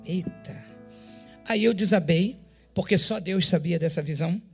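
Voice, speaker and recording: Uma pastora brasileira com sotaque brasileiro, dando um testemunho em tom dramático e animado, encenando os diálogos e rindo com frequência. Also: female voice, lowish voice, moderate pace, creaky, breathy edge, faint music behind. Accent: Brazilian Portuguese. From Brazil. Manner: animated, dramatic storytelling that acts out dialogue and often breaks into laughter. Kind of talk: testimony preached to a congregation.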